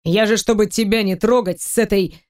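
A self-assured, pushy man voiced by a woman speaks in a hushed, velvety, coaxing tone. It is the steady mid-range of an audiobook reading, lowered to play the man. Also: moderate pace, close to an everyday voice. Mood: exasperated. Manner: low, velvety, coaxing delivery. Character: teasing, seductive grown man, confident and pushy.

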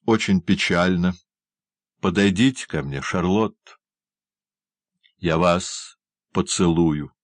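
A man's voice: low voice, takes it slowly, long pauses, dry recording. A man reading an audiobook, voicing a tipsy young male shop apprentice who drawls and whines. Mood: drawling. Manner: drawling, whiny.

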